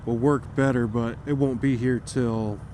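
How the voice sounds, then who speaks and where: Male motovlogger, casual rambling talk with swearing, voice captured inside a helmet, clear vehicle noise behind. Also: mid-range voice, fairly even intonation, measured pace. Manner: speaking from inside a motorcycle helmet. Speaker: motorcycle vlogger. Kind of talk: casual chat while riding. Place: inside a helmet, riding outdoors. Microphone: microphone taped to helmet. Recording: wind and engine noise, helmet mic.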